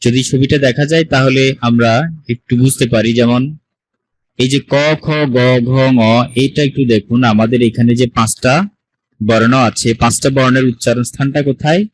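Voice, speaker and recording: A man leads an online pronunciation lesson, patiently working through each point and asking his students questions as he goes. His voice sits at an ordinary middle pitch. The sound is dry and close, as if from a computer mic on a call. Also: fairly even intonation, moderate pace, no room sound, low-quality recording. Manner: patient, explains step by step with questions to the class. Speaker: Sanskrit teacher. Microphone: computer mic on a video call.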